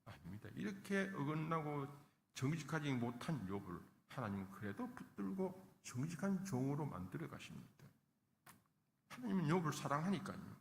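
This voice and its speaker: A male pastor preaching a sermon with emphasis, acting out the lines he quotes. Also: a little high. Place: church sanctuary. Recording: echoey church hall.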